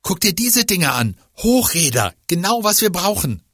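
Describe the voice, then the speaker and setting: A man voicing a plucky young boy in an audiobook adventure, calling out in urgent, excited bursts. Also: high-pitched, normal speed, slightly rough, dry recording, clean studio sound, voice pushed up, heavily acted.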